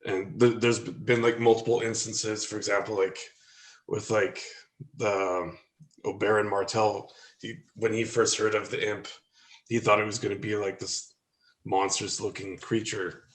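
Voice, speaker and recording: A man's voice: on the low side, flat delivery, normal speed. Hesitant man in an echoey room. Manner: hesitant, searching for words. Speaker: podcast co-host. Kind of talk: casual chat.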